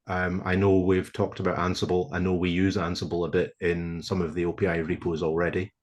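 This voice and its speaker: A man on a video call presenting a technical proposal to a committee, speaking in a measured, hesitant way with frequent ums and restarts. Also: low voice, little pitch movement. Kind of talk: presenting a proposal over shared slides. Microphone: computer mic on a video call.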